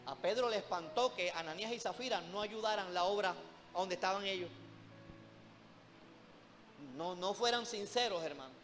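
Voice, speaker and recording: A man's voice: high voice, normal speed, long pauses, a bit bright, in a large hall, faint music behind. A man preaching a sermon in a church, emphatic, repeatedly calling out to the congregation as brothers.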